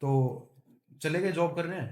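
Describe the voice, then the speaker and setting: A young man telling a story from his own life on a podcast. He talks in a lively, casual way, mimics the people he quotes, swears freely and often laughs as he speaks. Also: fairly high pitch, takes it slowly. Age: young adult. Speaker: podcast guest. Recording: echoey room.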